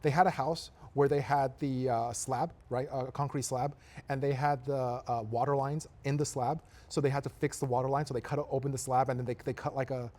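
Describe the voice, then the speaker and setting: A man's voice: medium pitch, steady tone, a little fast, a little mellow. A man, a real estate investor, talking emphatically in a casual podcast conversation, repeating his points for effect.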